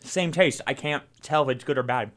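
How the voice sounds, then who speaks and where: A man's voice: medium pitch, brisk, fairly bright tone. A man co-hosting a podcast in casual banter, with a dry, understated way of talking. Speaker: podcast co-host. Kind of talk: casual chat, joking banter.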